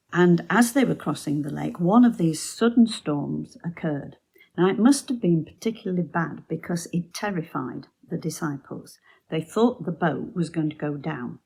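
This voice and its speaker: A woman giving a Bible teaching talk for her church, telling the story in a deliberate storytelling manner. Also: deep voice, gravelly, mellow, husky.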